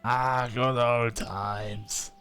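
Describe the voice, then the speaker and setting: Man doing a raspy smoker mom. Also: medium pitch, flat delivery, drawn-out words, fairly bright tone, faint music behind. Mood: drawling. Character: raspy middle-aged smoker mom, lazy and fond.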